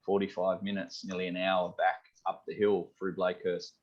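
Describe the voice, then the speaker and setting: His voice sits low and his pace is moderate, with a little hiss or hum in the audio. He's a head chef from Sydney with an Australian accent, chatting casually in an interview, relaxed and rambling, with lots of "um" and "you know." The lo-fi recording is slightly dull.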